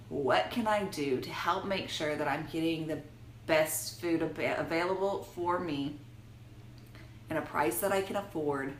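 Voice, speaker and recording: Unhurried, playful woman in an echoey room. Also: fairly low pitch. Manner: animated, playful and self-mocking, with exaggerated exasperation. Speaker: vlogger giving a food and shopping talk. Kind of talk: casual chat to viewers. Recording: roomy echo, faint background noise.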